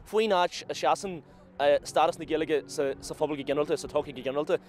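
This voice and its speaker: Quick, higher-voiced Irish man. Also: a little mellow. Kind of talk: news interview at an event. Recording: faint background noise.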